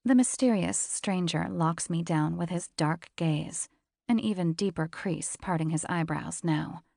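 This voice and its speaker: Female romance audiobook narrator, intimate and confessional, gravelly, dry studio sound. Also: lowish voice, unhurried, warm tone, no room sound. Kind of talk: scripted first-person romance narration.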